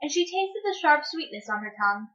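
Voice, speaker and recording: A woman narrates a dramatic story reading with expressive, dramatic delivery. Her voice sits a little high. She is heard from a distance from the mic, in a dull, lo-fi recording. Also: a little fast, noisy background.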